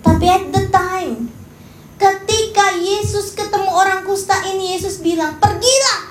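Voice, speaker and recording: High-voiced woman preaching in an echoey hall. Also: measured pace, noisy background. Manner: animated, rising to emphatic calls. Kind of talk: sermon. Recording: echoey room.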